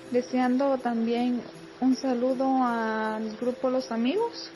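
A woman from Guatemala, gently recording a holiday greeting. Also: high-pitched, poor audio.

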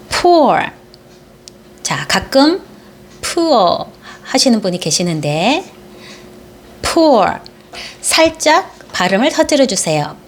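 A woman's voice: mid-range voice, slight background noise. A Korean woman teaching English through Bible verses, explaining grammar and pronunciation and patiently stretching out model phrases for listeners to repeat. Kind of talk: slow instructional English lesson.

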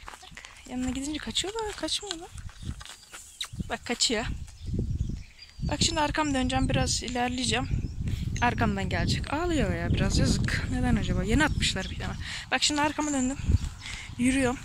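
A woman's voice: high voice, animated, brisk, pauses often, background noise. A woman vlogging her village life outdoors while grazing sheep, talking casually and tenderly about the plants and animals around her. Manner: chatty, tender and pitying toward animals. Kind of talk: casual outdoor vlog narration. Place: outdoors on a hillside pasture.

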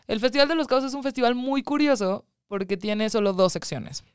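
Animated Mexican woman producer, thirties, very clear voice, dry close mic. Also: on the high side, brisk, no room sound. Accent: Mexican Spanish. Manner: animated storytelling, acts out quoted voices. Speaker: guest, film producer. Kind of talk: casual interview chat.

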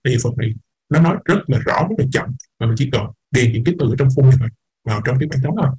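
A man's voice: medium pitch, very fast, a little mellow, breathy edge, rough recording. A man teaching an English class, explaining patiently, repeating words and mixing English terms into his talk. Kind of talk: online class lecture.

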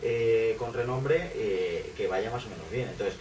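A man's voice: on the low side, unhurried. A man, speaking on a bookshop author panel, rambling with many fillers and restarts. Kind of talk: casual panel discussion. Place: bookshop café, seated at a table. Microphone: far camera. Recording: echoey room, distant mic, noise.

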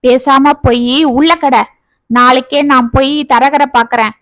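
A woman's voice: high-pitched, fairly even intonation, a little slow, a bit bright, no room sound. A woman voicing a middle-aged father who talks in an anxious, pleading and worried way. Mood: distraught.

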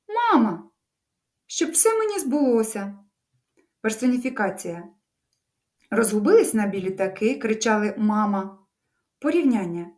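Expressive woman teaching a literature lesson. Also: medium pitch. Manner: expressive, lively storytelling delivery; warm encouraging address to pupils.

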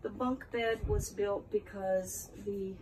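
A middle-aged woman giving a relaxed, hesitant tour of her boat, with many pauses and ums. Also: medium pitch. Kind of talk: casual tour talk. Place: aboard a river sternwheel boat. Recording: roomy echo, distant, noisy.

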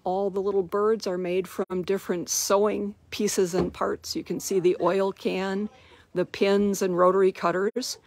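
A woman's voice: mid-range voice, level tone, darkish tone, slight background noise. A woman giving a chatty walking tour of a large quilt shop, recorded on a handheld phone. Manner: slow, chatty, promotional.

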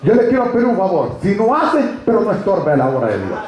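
A man's voice: high voice, huge pitch swings, fairly quick, muffled recording, crowd noise. A man preaching a sermon as pastor, speaking with emphasis and calling out to the congregation. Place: church hall. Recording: very echoey church hall.

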